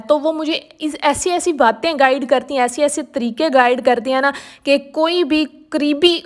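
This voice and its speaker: Young woman vlogger from Pakistan, high voice, chatty and confiding, home vlog narration. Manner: chatty, confiding, repeats herself often.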